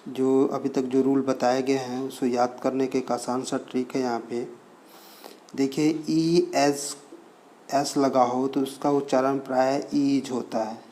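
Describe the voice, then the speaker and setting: Slow, deliberate male English teacher. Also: medium pitch, flat delivery, warm tone. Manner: slow, deliberate, spelling out letters one by one and repeating example words. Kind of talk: Hindi-language explanation of English pronunciation. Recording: faint cricket and insect noise behind.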